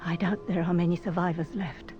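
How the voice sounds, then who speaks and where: A woman voicing an ailing, weary and caring refugee in a video game, sick and breathy. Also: on the low side, steady tone, fairly quick, highs cut off, over music, natural voice. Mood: weary, grim. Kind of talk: video game character dialogue.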